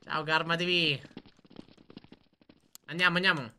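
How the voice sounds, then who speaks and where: A man's voice: fairly high pitch, steady tone, measured pace, pushed and bright, slight background noise. A man with a Roman Italian accent, streaming a role-play game and joking with other players, repeating words in playful bursts. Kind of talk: casual role-play banter.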